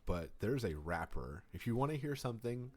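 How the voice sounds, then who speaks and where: A man's voice: mid-range voice, brisk. A man co-hosting a podcast, chatting casually and rambling through stories with lots of fillers. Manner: rambling, animated storytelling with many fillers. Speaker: podcast co-host. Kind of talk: casual chat.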